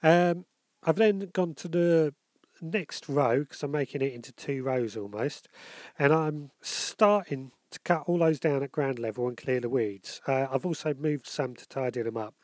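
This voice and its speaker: Congested from a cold, this man hosts a laid-back solo podcast at a measured pace in a mid-range voice, wandering off with ums and correcting himself. The recording has no echo.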